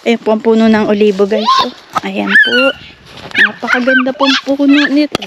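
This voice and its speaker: A woman's voice: on the high side, steady tone, normal speed, very noisy. A woman from the Philippines chatting politely in a casual travel vlog, walking outdoors on a rocky hillside and filming on a handheld phone, with many hesitations. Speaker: travel vlogger.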